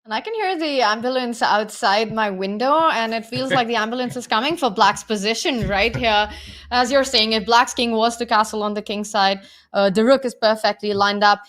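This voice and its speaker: A woman's voice: on the high side, normal speed, a bit bright. A woman giving live chess commentary, analytical and explaining moves to the viewers in the chat.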